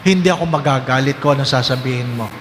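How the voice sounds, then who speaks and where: A man voicing a dying husband who gently coaxes his wife to confess, speaking low and pleading in a large echoing church. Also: fast, slight background noise, close to an everyday voice. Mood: coaxing. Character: dying middle-aged husband, coaxing and suspicious. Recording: roomy hall reverb with faint ambience.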